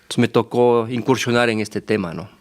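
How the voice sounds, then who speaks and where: A man's voice: medium pitch, fairly quick, no room sound. Guest author, man, dry close sound, easygoing and talkative. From Ecuador. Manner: relaxed and rambling, with restarts and asides. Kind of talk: conversational interview answers.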